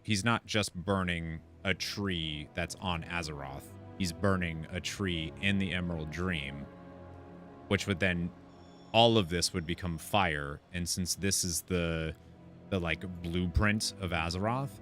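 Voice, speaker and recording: A man's low-sitting, slightly bright voice carries casual game commentary as he reads quest text and thinks aloud. This gaming content creator is recorded with faint game music and sounds behind him.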